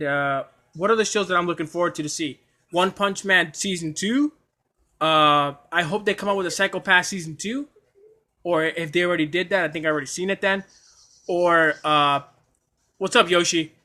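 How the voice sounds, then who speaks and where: A man talks to his livestream chat in a high, bright voice, tripping over his words as he gushes. He keeps restarting sentences and apologizing for being overexcited, in a loose, casual way. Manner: excitable, stammering, apologetic. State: coughing at times. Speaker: anime streamer.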